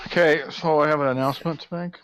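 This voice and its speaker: A man's voice: a little high, steady tone, quick pace, crowd noise, poor audio. A man playing in a tabletop game on a video call, teasing and matter-of-fact. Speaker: player. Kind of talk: casual chat on a video call.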